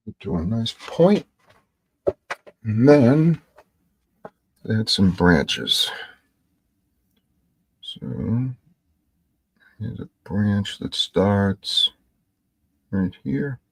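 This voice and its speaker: A man teaching painting on a livestream in a gentle, husky, gravelly voice, murmuring short instructional phrases as he works. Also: lowish voice, sing-song, drawn-out words, long pauses. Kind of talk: painting tutorial livestream, talking while working.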